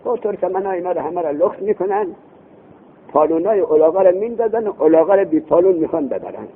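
A man teaching Arabic grammar in a classroom lecture, reading the text aloud, explaining it with anecdotes and asking rhetorical questions. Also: sits high. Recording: tinny phone-like lo-fi recording.

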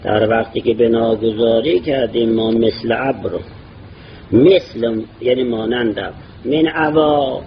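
Man lecturing on grammar, lo-fi recording. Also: mid-range voice. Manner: reads Arabic phrases slowly then explains at length. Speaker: teacher of Arabic grammar. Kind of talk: lecture explaining Arabic grammar. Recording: dull lo-fi recording with clear background noise.

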